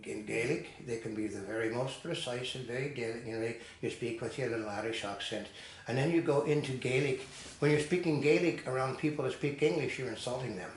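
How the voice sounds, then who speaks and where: A man's voice: mid-range voice, fairly quick. An older man co-hosting a casual discussion, telling digressive stories and stating firm opinions. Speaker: co-host. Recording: echoey room with faint noise.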